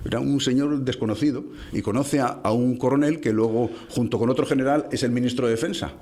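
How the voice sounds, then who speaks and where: A man, telling local history anecdotes in conversation, halting with many restarts. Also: medium pitch, darkish tone. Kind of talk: conversational storytelling.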